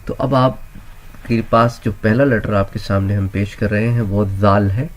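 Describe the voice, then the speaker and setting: A man's voice: fairly low pitch, steady tone, a little hiss or hum. A man teaching a Quran reading lesson, patiently sounding out letters and repeating each sound as a drill. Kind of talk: slow step-by-step phonics lesson.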